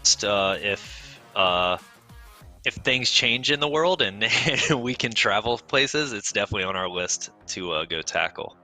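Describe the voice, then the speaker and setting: A man's voice: lowish voice, animated, unhurried, sharp tone, faint music behind. A middle-aged man giving hesitant, filler-heavy analysis on a virtual cycling race broadcast. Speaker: guest analyst. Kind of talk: esports cycling commentary.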